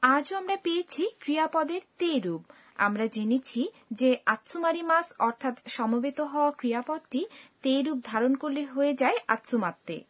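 A woman co-hosts a scripted radio language lesson and asks questions to check her understanding. Her voice sits high. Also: lively intonation, moderate pace, fairly bright tone. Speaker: lesson co-host asking questions.

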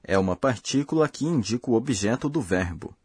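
A man hosting a language course, giving slow, careful, scripted explanations. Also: mid-range voice, expressive, a little mellow, breathy edge, dry recording, studio quality. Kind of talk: scripted lesson narration.

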